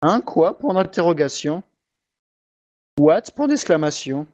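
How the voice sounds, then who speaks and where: A man's voice: on the high side, big pitch swings, unhurried, a little mellow, muffled recording. A man putting on a half-robotic voice to dictate a text aloud, reading out every punctuation mark like a machine in a comic video. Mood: grumbling. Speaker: YouTuber.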